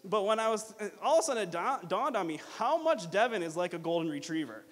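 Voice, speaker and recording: A man with a slightly high voice gives a rambling best man speech in a hall with long reverb. He talks informally and jokingly, stumbling into false starts and circling back over his phrases. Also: sing-song. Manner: rambling, halting, with false starts and repeated fillers. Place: reverberant hall at a wedding reception.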